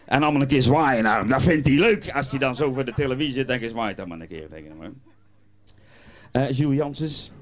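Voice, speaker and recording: A man's voice: mid-range voice, animated, quick pace. Rambling comic man on stage. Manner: rambling storyteller, talks straight to the audience. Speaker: carnival comedian.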